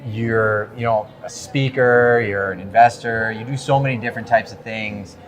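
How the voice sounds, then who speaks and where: A man's voice: on the low side, fairly even intonation, moderate pace. A middle-aged man hosting a conversational interview, upbeat and hyping up his guest. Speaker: interviewer, show host.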